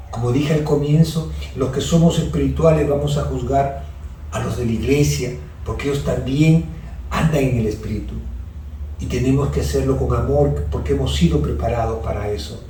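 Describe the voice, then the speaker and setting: A man's voice: mid-range voice, mellow, slight background noise. A man with a Peruvian Spanish accent, a pastor leading a Bible study in earnest, hesitant speech full of restarts, talking straight to his listeners. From Peru. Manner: earnest, many fillers and restarts, addresses listeners directly. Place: church hall. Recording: echoey room, voice from far off.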